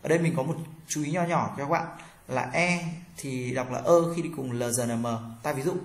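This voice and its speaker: Man teaching pronunciation in an echoey room. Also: on the high side. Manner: slow, drawn-out model syllables for learners to repeat. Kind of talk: classroom pronunciation lesson.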